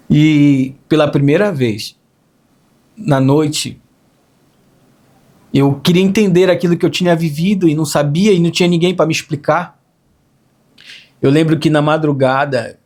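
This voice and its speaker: Hoarse man telling a faith testimony. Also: a little high, a little mellow. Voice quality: hoarse, raspy. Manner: earnest, storytelling with repetitions. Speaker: testimony speaker.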